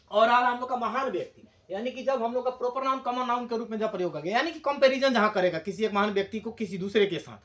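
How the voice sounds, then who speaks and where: A man teaching English grammar, explaining slowly in Hindi and repeating key words for his class. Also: very high-pitched, roomy sound.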